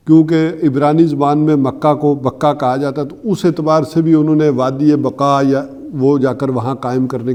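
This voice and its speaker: A man giving a religious lecture, explaining scripture step by step, slowing down to recite verses and asking rhetorical questions. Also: a little high, dark tone. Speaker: Quran teacher.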